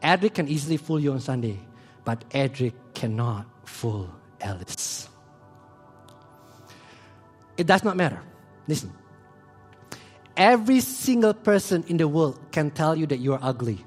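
A man preaching a sermon who swings between hushed and loud delivery. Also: fairly high pitch, sing-song, unhurried, pauses often, husky, soft background music. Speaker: pastor.

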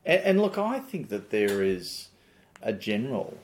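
A man's voice: fairly low pitch, big pitch swings, a little hiss or hum. Friendly Australian man hosting a podcast. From Newcastle, Australia. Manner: friendly, slightly halting, repeats words. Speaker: podcast host, politician. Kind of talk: conversational interview.

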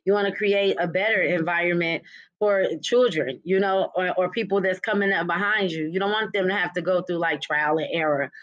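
A man's voice: high-pitched, steady tone, brisk, a bit bright, dull audio. A man hosting a casual interview, asking questions and answering with encouraging affirmations. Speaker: podcast host.

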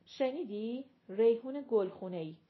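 A woman's voice: on the high side, expressive, narrow, tinny audio, close to an everyday voice. A woman voicing a restless young woman who makes dry, wry remarks, in an audiobook reading.

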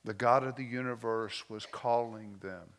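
A man preaching a sermon, moving between slow, emotional lines with soft drops and loose, conversational asides. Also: mid-range voice, fairly even intonation, vocal fry. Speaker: pastor.

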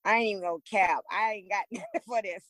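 A woman's voice: mid-range voice, fast talker, fairly bright tone. A woman co-hosting a casual group podcast, playful and slangy, laughing as she talks. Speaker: podcast co-host.

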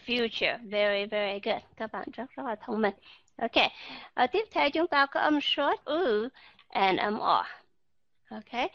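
Fairly high-voiced woman teacher, drills sounds slowly, quizzes class; dry, dull voice-chat audio. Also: a bit bright, dry recording. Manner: repeats sounds slowly and asks the class questions. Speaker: English pronunciation teacher. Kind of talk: live online voice-chat class. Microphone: computer mic in online voice room.

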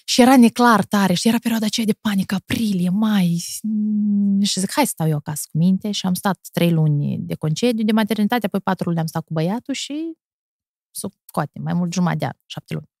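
A woman in her thirties, a TV presenter with a Moldovan Romanian accent, telling stories in a lively way with quick laughs and animated pitch jumps. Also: no room sound, clean studio sound. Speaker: TV presenter, podcast guest. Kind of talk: casual chat.

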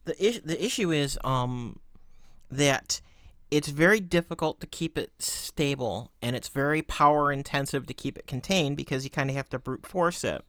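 Higher-voiced man explaining with restarts. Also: animated, moderate pace, fairly bright tone, no echo, studio quality. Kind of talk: casual explanation.

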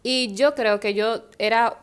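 A young woman, co-hosting a casual podcast and telling animated school stories with frequent laughs. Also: a little high, a little slow, clean tone. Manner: storytelling, animated, laughs often. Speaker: podcast co-host. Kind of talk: casual chat.

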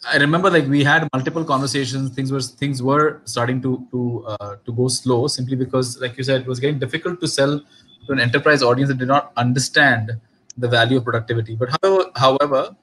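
A man with an Indian accent speaks quickly in a casual interview, often doubling back on words as he makes a point. His pitch is average, with faint ambient noise behind him. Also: a bit bright, poor audio. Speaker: interviewer and investor.

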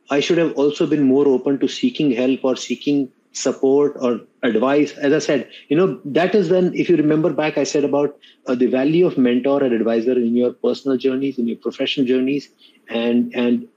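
A man's voice: medium pitch, darkish tone, muffled recording. A middle-aged man with an Indian accent giving earnest, unscripted advice as an interview guest, often repeating words for emphasis. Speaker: podcast guest, mentor to students.

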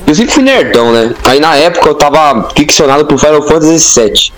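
A man's voice: a little high, brisk, poor audio. A young man with a Brazilian Portuguese accent telling casual stories to friends in slangy, profanity-laden speech. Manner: slangy, profane, animated quoting of himself and others. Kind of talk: casual chat, storytelling among friends. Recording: music behind the voice.

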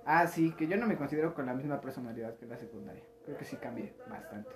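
A man's voice: medium pitch, fast talker, faint music behind. A young man in his late teens with a Mexican accent, chatting casually and joking in slang. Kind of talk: casual chat.

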